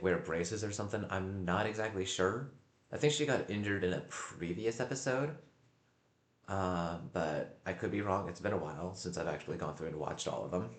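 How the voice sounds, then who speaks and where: Deep-voiced man rambling on stream, echoey room. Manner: halting, often repeating and searching for words. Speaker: livestreamer. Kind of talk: casual rambling livestream commentary.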